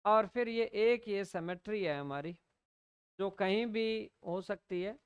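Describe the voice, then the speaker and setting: A woman's voice: mid-range voice, smooth, no room sound. A woman teacher explaining English vocabulary, mixing Hindi and English, spelling out words letter by letter and often checking in with "है ना?". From India. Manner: explains slowly, often asks "है ना?" to check understanding. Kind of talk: classroom lesson in Hindi mixed with English.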